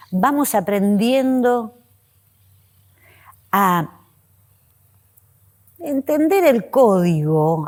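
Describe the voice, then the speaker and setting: A woman speaks as the host of a reflective spiritual talk. Her delivery is unhurried and measured, at a mid pitch, with pausing, list-like phrases that often trail softly downward.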